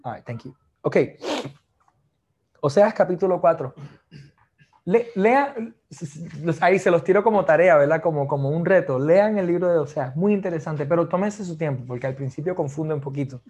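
A man's voice: on the high side, normal speed, a little mellow, husky. A man with a Puerto Rican accent, preaching a sermon over a video call in a chatty way, slipping between Spanish and English. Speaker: pastor.

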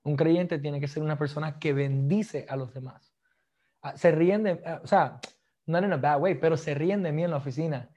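A man in his thirties preaches to his congregation in a church hall, mixing Spanish and English and joking with the people in front of him. His voice sits a little high for a man. The recording is dull and lo-fi. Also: moderate pace, dark tone. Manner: switches between Spanish and English, jokes with the congregation. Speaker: pastor. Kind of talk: bilingual sermon.

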